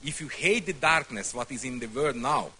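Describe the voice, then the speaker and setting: A man from Hungary, giving a speech to a congress in short phrases with pauses for an interpreter. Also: medium pitch, lively intonation, sharp tone, husky. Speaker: congress speaker.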